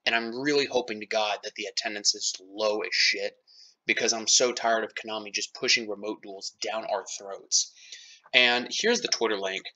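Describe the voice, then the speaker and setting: An American card game player and online commentator rants casually over a screen recording, blunt, irritated, and swearing now and then. His voice is fairly low, steady, and sharp at a normal speed, and the recording is rough.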